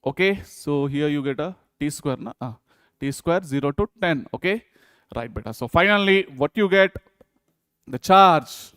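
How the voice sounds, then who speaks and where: An Indian-accented man lectures through physics exam problems step by step, frequently asking students repetitive check-in questions. His voice is on the high side, fairly bright and clean, delivered at a moderate pace in a studio-quality recording without room sound.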